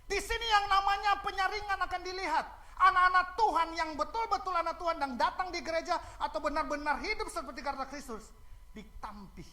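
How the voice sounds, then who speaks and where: A middle-aged man preaching a sermon as pastor, telling a personal story with swings from soft, quiet passages to loud, shouting emphasis. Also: very high voice, brisk.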